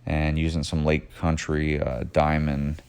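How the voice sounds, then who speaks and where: A man narrating a behind-the-scenes video of his detailing shop's work in a self-described monotone, with frequent "uh" fillers. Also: rumbling low, a little slow, clear, resonant tone. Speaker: detailing shop owner narrating. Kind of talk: voice-over narration of work footage.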